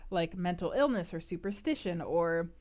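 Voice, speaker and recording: On a casual book club livestream, a woman talks through the book and answers the chat with animated, emphatic energy. Her voice sits on the low side and her pace is normal.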